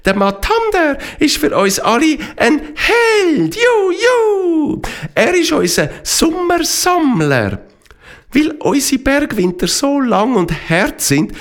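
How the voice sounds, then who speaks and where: A man voicing a flock of chirping alpine jackdaws in a children's story, high and squeaky. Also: big pitch swings, takes it slowly, exaggerated voice. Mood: cheerful.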